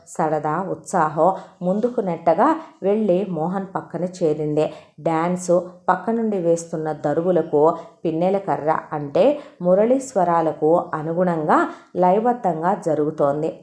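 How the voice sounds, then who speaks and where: A woman reading a story aloud in steady, expressive narration. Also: low-pitched.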